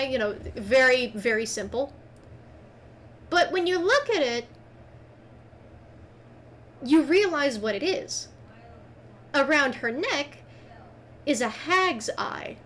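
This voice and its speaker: Animated high-voiced woman game master. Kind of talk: narrating a tabletop game.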